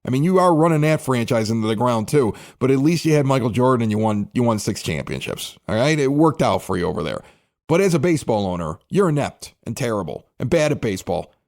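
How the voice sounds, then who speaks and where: A man hosts a casual sports podcast in a heated, exasperated rant. His pitch swings widely as he presses his points. His voice sits in a middle register. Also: a little mellow. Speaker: podcast host.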